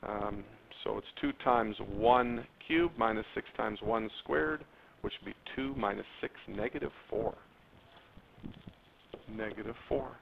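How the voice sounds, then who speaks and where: A man with a lowish, gravelly voice teaches his class math a little slowly, in a lively manner, stretching out words and spiking up on key terms as he speaks directly to his students. The classroom recording is tinny and lo-fi, like a phone, with faint noise.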